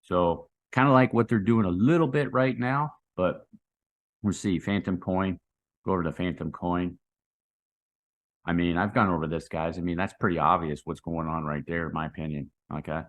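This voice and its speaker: A man's voice: sits low, moderate pace. A man giving casual, unscripted chart commentary in a hyped, slangy crypto bro manner, rambling and repeating phrases for emphasis. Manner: hyped, slangy crypto bro talk, saying 'man', 'dude' and 'guys'.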